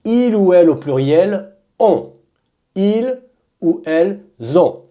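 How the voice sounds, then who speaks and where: A woman with a French accent teaching verb conjugations as a drill, saying each form slowly and emphatically and repeating it. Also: fairly low pitch, lively intonation, warm tone.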